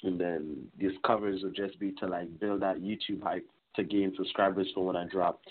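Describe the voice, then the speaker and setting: A young man in his twenties from Trinidad and Tobago, talking casually as a musician guest in an interview, relaxed and rambling. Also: sits low, moderate pace, slightly rough. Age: 20s. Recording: tinny phone-like line.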